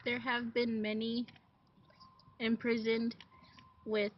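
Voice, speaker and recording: A woman's voice: a little high, little pitch movement, slow pace. A woman playing an anxious, accusing wife in an amateur sock puppet play, earnest and insistent. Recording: dull, noisy lo-fi home recording.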